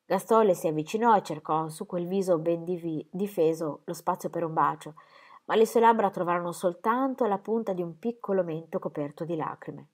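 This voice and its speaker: A woman reading a novel aloud as narrator in a calm, measured way. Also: lowish voice. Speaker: reader. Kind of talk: scripted narration.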